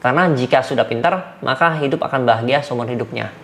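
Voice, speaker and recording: A man, a dog trainer giving numbered training tips and acting out sharp commands. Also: medium pitch, fast talker, vocal fry, a little hiss or hum. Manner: numbered points, demonstrates commands with sharp shouts.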